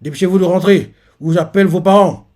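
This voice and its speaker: Guy reading as a stern cop, flat warning tone. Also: high-pitched, fast talker, natural voice. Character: stern adult male police officer.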